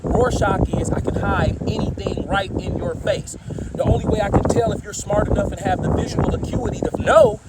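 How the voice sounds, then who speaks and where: A man's voice: high voice, steady tone, normal speed. A man preaching heatedly to a passerby outdoors, firing off rhetorical questions and profanity. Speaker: street preacher. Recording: loud wind noise on the mic.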